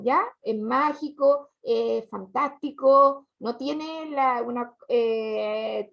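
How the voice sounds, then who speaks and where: A woman teacher guides pupils through a lesson, her high voice catching in a gravelly fry. She asks questions patiently and repeats the answers back. The recording is dull and lo-fi. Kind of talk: online class lesson.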